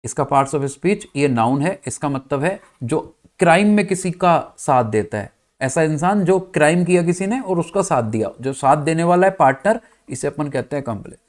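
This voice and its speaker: A man from India teaching an English vocabulary lesson in Hindi, often checking with his students if things are clear and spelling words out letter by letter. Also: fairly high pitch, expressive, moderate pace. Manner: addresses students as "bachcha party", checks "clear?".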